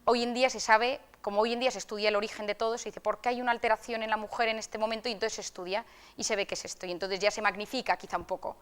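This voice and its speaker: A young woman speaker answering audience questions in a talk, telling stories in an animated way and acting out the voices she quotes. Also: a little high, rapid-fire, smooth. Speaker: psychiatrist speaker.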